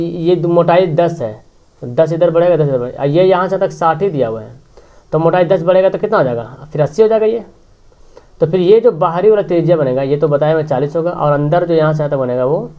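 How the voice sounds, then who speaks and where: A man with a somewhat high voice walks through a maths problem step by step as he writes. He speaks in plain teaching tones and keeps checking in with short tag questions, pausing and restarting between steps. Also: highs cut off. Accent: Hindi regional, Bihar. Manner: talking while writing, frequent tag questions. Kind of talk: explaining maths at a board.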